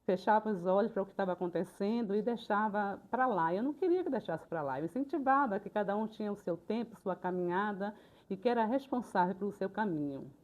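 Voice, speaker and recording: An older woman, a retired teacher telling classroom stories in a lively, colloquial way for a documentary. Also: medium pitch, fast talker. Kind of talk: documentary interview storytelling. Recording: slightly dull, lo-fi sound.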